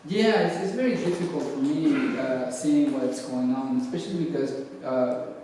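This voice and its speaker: A middle-aged man from Guatemala, speaking to a congregation and answering an audience question in a measured, thoughtful way with frequent hesitations. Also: mid-range voice, mellow, a little hiss or hum. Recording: echoey hall, voice from far off.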